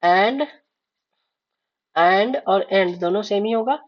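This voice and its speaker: A woman teaches beginners in a casual spoken tutorial, explaining each step patiently and checking in often. Her voice sits at a middling pitch. The recording is a little dull and lo-fi. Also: drawn-out words. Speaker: shorthand teacher. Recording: slightly dull lo-fi audio.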